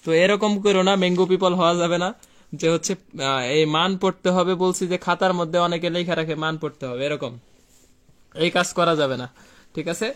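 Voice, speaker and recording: A young man with a high, slightly bright voice talks fairly quickly with fairly even intonation while tutoring physics in a live online class. He's chatty and colloquial, repeats key terms, asks the students questions, and reads out their answers.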